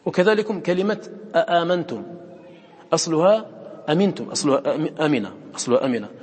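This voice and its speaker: A man's voice: on the high side, lively intonation, fast, a little mellow, slightly rough, long reverb tail. A man teaching a class on recitation, repeating words aloud and quizzing his students with questions.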